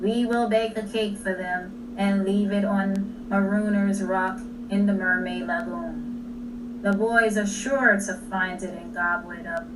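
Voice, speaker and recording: A woman voicing a menacing, vengeful male pirate captain with a dark, scheming manner, as in a storybook. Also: mid-range voice, close to an everyday voice. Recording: distant mic, clearly noisy.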